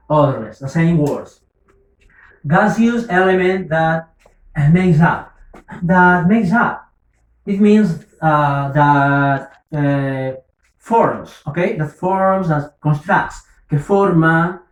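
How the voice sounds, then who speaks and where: A man explains vocabulary in an unhurried classroom manner, often repeating words and asking if students follow. His voice sits a little high and moves at a very slow pace. The recording is echoey and picks him up from some distance off the mic. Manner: patient, repeats words and checks understanding. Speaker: English teacher. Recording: roomy, from the mic.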